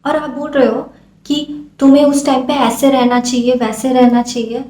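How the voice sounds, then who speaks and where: A woman's voice: high-pitched, level tone, normal speed, warm tone. Impassioned young Indian woman, echoey room. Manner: earnest, emotional, pleading. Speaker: vlogger. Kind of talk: impassioned talk to camera.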